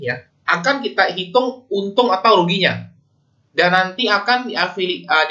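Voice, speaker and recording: In a lo-fi recording, a man with an Indonesian accent teaches accounting through an informal, explanatory lecture. His high-sitting voice is bright and forceful, and his conversational style keeps checking in with the listeners.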